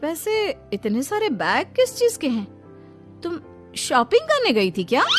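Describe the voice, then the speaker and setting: A woman's voice: high-pitched, huge pitch swings, a little slow, soft background music, heavily acted. Aarti, a woman voicing a sly sister-in-law. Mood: scolding.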